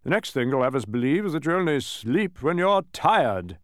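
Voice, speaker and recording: A man's voice: fairly high pitch, big pitch swings, moderate pace, no echo, studio quality, pitched above the performer's own voice. Man putting on a pompous, emphatic storybook mathematician. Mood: casual, superior. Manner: emphatic, lecturing. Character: brisk, impatient, pompous male mathematician with odd logic.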